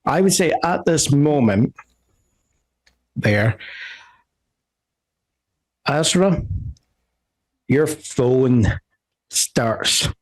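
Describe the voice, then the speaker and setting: Male game master, slow and halting, mid pitch. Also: lively intonation. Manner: slow, hesitant, many fillers. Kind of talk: running a tabletop game.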